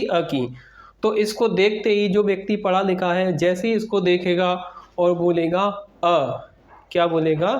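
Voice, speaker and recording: Slow high-voiced male teacher, lo-fi. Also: darkish tone. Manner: asks questions and answers them himself, repeating each sound. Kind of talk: Hindi alphabet lesson for children. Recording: dull lo-fi recording.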